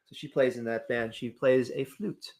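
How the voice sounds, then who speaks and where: A man's voice: medium pitch, steady tone, normal speed, a little mellow. A man co-hosting a casual local morning radio show, upbeat and reading sponsor plugs with enthusiasm.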